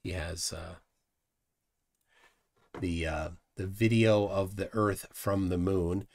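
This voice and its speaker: Speaking low and slowly, a middle-aged man hosts a casual livestream from a room in his home. He is animated and scornful, with a habit of trailing off quietly.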